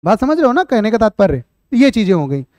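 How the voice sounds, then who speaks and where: High-voiced man teaching a Hindi class. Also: very animated, fast, a little mellow, dry recording. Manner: explains then repeats questions back to students; chatty asides addressing viewers as "beta". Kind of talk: online exam-prep class.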